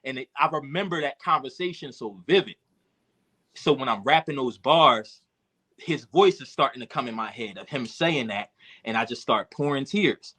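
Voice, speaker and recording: Man, bright tense voice, candid rambling storytelling, emotional. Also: medium pitch, expressive, moderate pace, breathy edge. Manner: emotional, reflective, many fillers and restarts. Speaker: podcast guest, rapper and producer.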